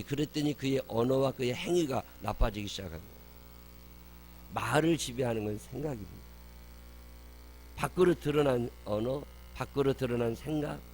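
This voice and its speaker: A man's voice: medium pitch, a little mellow. Guy pastor preaching, keeps asking questions then answering em, medium voice, little hum behind. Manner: preaching with rhetorical questions and emphatic repetition. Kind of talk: sermon. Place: church.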